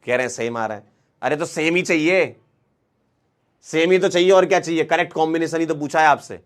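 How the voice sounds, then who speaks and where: A man teaching a chemistry class, working through exam questions in a lively, playful way and coaxing students along. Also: fairly high pitch, a little fast. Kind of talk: online class lecture.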